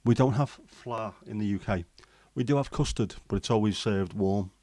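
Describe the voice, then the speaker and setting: This livestream host is a man from England who rambles through casual chat, full of ums and restarts, as he reads and responds to viewers' comments. His voice sits on the low side with a darkish tone, at normal speed, with no echo.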